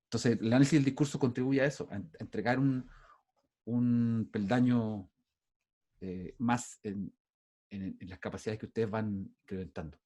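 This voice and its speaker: This lecturer's voice sits on the low side and sounds warm, moving at a moderate pace. He's a middle-aged Chilean man giving a university lesson by video call, chatting informally with frequent restarts in Chilean Spanish.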